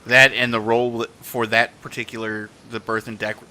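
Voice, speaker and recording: A man playing a tabletop game, speaking calmly and matter-of-factly, partly in character. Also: medium pitch, normal speed. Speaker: player.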